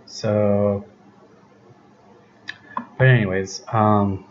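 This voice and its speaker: Low, slow-talking man explaining code. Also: steady tone. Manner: thinks aloud, unhurried, explains step by step. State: losing his voice. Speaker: programming tutor. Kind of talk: casual screencast explanation. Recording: dull lo-fi recording with background hiss.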